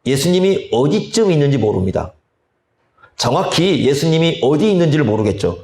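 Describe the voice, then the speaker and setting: A male pastor preaching a sermon, slow and deliberate, often asking the congregation rhetorical questions. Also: a little high, big pitch swings, warm tone. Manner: slow, deliberate delivery with drawn-out phrases. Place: church sanctuary. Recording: echoey church hall.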